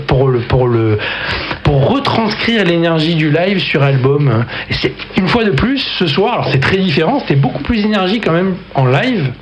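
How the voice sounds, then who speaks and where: Chatty male radio host, faint hiss. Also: a little high. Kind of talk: casual radio interview.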